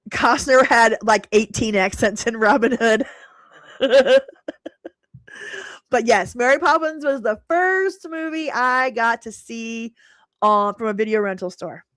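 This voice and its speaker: A woman's voice: on the high side, slow pace, fairly bright tone, no room sound, clean studio sound. A middle-aged woman hosting a live stream, chatting casually, laughing often and answering viewers by name.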